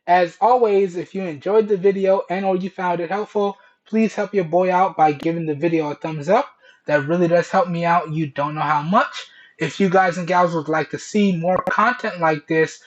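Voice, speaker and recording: Man talking through a muffled Bluetooth earbud mic. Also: high voice. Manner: chatty, keeps checking in with "okay?" and "all right?". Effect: voice captured through Bluetooth earbud microphones. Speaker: tech reviewer. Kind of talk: casual product review to camera. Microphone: wireless earbuds.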